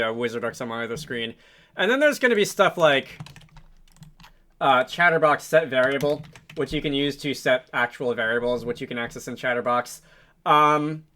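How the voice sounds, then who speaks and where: In an unscripted screen-recording tutorial on game development, a man muses to himself and thinks aloud as he works, keeping things casual. His voice is mid-range with a sharp tone.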